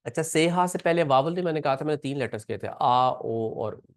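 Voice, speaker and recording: A man's voice: on the high side, lively intonation, fairly quick, no room sound, clean studio sound. A man teaching a classroom pronunciation lesson, patiently explaining and repeating words aloud. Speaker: language teacher.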